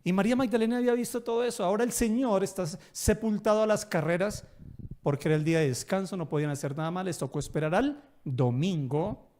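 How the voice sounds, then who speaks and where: High-voiced man preaching a sermon. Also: fast talker, darkish tone. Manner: storytelling with acted dialogue and rising emphatic bursts. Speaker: pastor.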